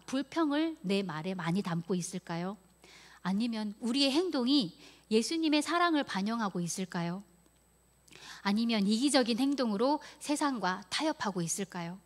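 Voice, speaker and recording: A woman in her thirties preaching in an afternoon worship service. She tells a personal story in a lively, expressive way. Her voice sits at an ordinary middle pitch, and at emotional points it drops to a hushed whisper. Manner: storytelling, acts out quoted prayers and scoldings.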